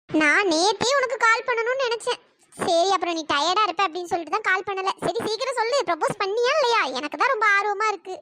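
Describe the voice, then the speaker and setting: A woman voicing a brash young female best friend who scolds bluntly, in a cartoon story with a pitch-raised voice. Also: a bit bright, no echo.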